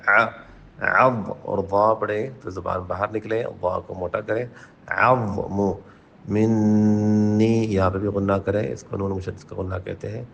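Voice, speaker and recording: A man teaching Quran recitation rules, explaining briskly and then chanting verses slowly. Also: low-pitched, vocal fry, a bit bright, slight background noise. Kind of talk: tajweed lesson with chanted recitation.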